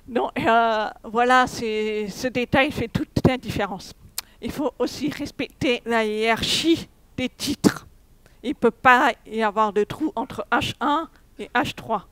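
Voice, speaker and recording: A woman's voice: fairly high pitch, takes it slowly, fairly bright tone, dry recording. A young woman giving a technical conference talk, hesitant, with many fillers and restarts. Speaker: conference speaker. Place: conference hall.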